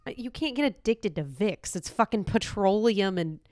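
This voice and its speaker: A young woman with a stuffy, slightly scratchy voice, co-hosting a casual podcast. She is blunt and wry and swears freely. Her voice is clear and the sound is dry and close. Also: mid-range voice, animated, moderate pace, darkish tone, no room sound. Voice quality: a little scratchy. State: stuffy, congested. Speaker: podcast co-host. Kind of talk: casual chat.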